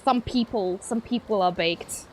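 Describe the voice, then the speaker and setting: A woman's voice: mid-range voice, a little slow, a little mellow, slight background noise, low-quality recording. A young woman streamer chatting casually with her viewers while gaming, playful and teasing, laughing often.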